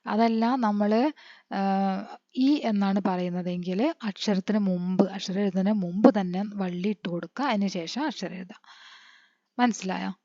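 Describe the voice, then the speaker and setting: A woman, teaching a patient lesson and spelling letters out slowly, quizzing her pupils as she goes. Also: mid-range voice, steady tone, dark tone, dry recording. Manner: patient, asks the children questions and answers them. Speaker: Hindi teacher. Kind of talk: classroom-style lesson. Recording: dry, dull lo-fi recording.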